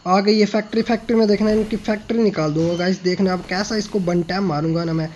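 A young man commentating his own shooter gameplay, excitable and teasing, shouting at sudden kills and muttering smugly in between. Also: sits high, quick pace, highs cut off, a little hiss or hum. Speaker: gaming YouTuber.

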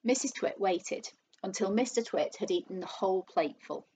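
A teacher reading a children's book aloud to her class, with expressive storytelling. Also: mid-range voice, normal speed, breathy edge.

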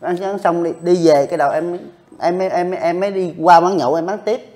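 A man speaks in casual interview talk. He is earnest and keeps circling back over the same points, his voice sitting a little high for a man. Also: steady tone, fairly quick, darkish tone. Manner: earnest, repeats himself while recounting. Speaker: interviewee, street vendor.

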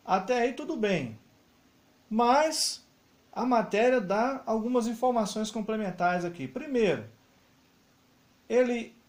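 A man with a high-pitched, slightly mellow voice delivers news commentary as a voice-over on a screen recording. He explains things while pointing through web pages.

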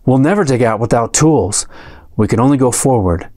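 A man voicing a calm, steady adventurer. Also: medium pitch, normal speed, dry recording, studio quality, lightly acted. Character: steady young male adventurer, calm and resolute.

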